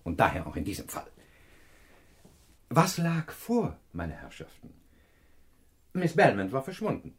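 Pompous professor-detective, swooping intonation. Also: male voice, mid-range voice, huge pitch swings. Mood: pompous lecturing. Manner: pompous, lecturing, pedantic, deliberate pauses. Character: pompous, self-assured male professor and amateur detective. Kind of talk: radio crime drama acting.

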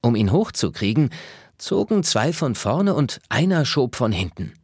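A man reading aloud from a children's book in an expressive storytelling way. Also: medium pitch, a little slow, husky, no echo, studio quality. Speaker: story reader.

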